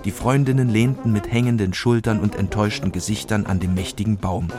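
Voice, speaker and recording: Low-voiced man reading a children's story. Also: steady tone, brisk, over music. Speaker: audiobook narrator.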